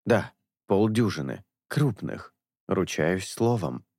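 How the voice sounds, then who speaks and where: A man voicing a patient young priest in an audiobook, coaxing and reasoning in a low voice. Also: sing-song, takes it slowly, a little mellow, dry recording, clean studio sound, heavily acted. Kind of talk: audiobook character dialogue.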